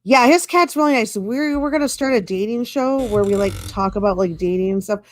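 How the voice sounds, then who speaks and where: A woman's voice: mid-range voice, brisk, a little hiss or hum. A woman hosting a casual live-stream chat, rambling along with lots of fillers. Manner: chatty and rambling, with many fillers. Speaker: stream host.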